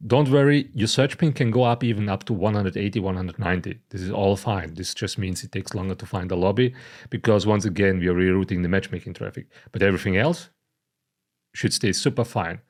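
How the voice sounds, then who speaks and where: A man's voice: low-pitched, brisk, darkish tone. A man from Croatia, speaking English, walks through a setup step by step and checks in with "okay?" and "you know". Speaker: product presenter. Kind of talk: casual screen-recorded tutorial.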